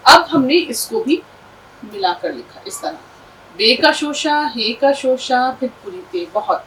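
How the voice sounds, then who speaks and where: A woman's voice: sits high, very animated, a bit bright, recorded from a distance, slight background noise, poor audio. A woman teaching an Urdu lesson, patiently spelling words letter by letter and asking her class questions.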